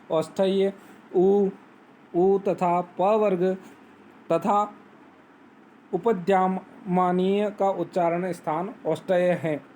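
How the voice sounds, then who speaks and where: Male teacher with a high, unhurried voice who poses questions and answers them himself; faint background noise. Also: a little mellow. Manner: explains step by step, asks and answers own questions; recites Sanskrit sutras slowly. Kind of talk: Hindi grammar lesson on phonetics.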